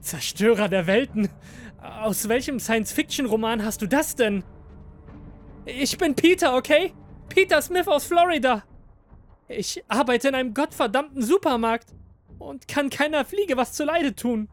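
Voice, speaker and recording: A narrator voicing a desperate trapped man who pleads and shouts for help in a horror audio drama. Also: mid-range voice, normal speed, pitched above the performer's own voice, lightly acted. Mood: pleading. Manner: pleading, frantic.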